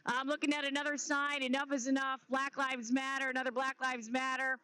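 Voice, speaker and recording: Brief: high, bright female field reporter, live on the street, chatty and slightly winded. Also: flat delivery, clean tone, no echo, low-quality recording. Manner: conversational, halting with fillers. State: slightly out of breath. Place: outdoors on a city street during a march.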